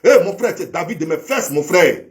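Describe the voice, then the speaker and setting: Man, high voice, preachy, proverb-heavy, repetitive. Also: lively intonation, a little fast. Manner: preachy, repetitive, proverb-laden, addresses listener as brother. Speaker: social media commentator. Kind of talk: impassioned monologue to camera.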